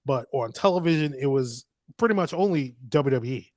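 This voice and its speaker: A man, talking casually on a podcast at a middling pitch. He rambles through long stories, swears freely and laughs often. His voice is close and dry, with no room sound. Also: animated, normal speed, a little mellow, dry recording. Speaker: podcast host.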